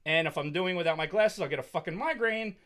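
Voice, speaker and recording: A man's voice: sits high, quick pace, a bit bright. A man co-hosting a casual podcast, ranting angrily and swearing heavily. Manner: heated, profane ranting. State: angry. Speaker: podcast co-host.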